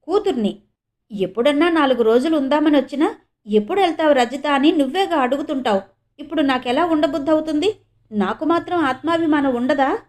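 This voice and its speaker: A woman's voice: sits high, fairly quick, a little mellow, pitched above the performer's own voice, natural voice. A woman voicing a sulky grown daughter who speaks in an indignant, complaining way. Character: sulky grown daughter visiting her mother.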